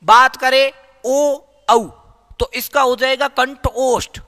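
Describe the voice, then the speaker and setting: High, bright-voiced man teaching grammar. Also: flat delivery, slow pace, in a large hall. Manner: repeats key terms as questions and answers them; demonstrates sounds aloud, drawn out. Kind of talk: classroom-style grammar lesson.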